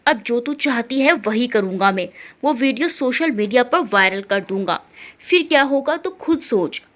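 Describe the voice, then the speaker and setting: A woman voicing a menacing, vengeful man who shouts threats at a young woman. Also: very high-pitched, lively intonation, normal speed. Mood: threatening.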